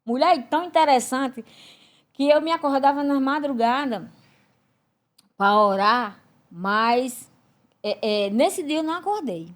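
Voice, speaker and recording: A woman gives a religious testimony as a podcast guest. Her voice sits fairly high and swings widely as she tells her story, acting out the other voices with big leaps in pitch. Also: expressive, unhurried, long pauses.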